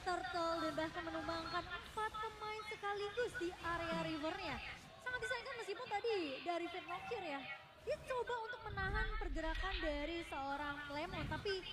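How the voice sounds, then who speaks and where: A woman's voice: extremely high pitch, heavy background noise. A woman with an Indonesian accent giving analytical commentary as co-caster of an esports match.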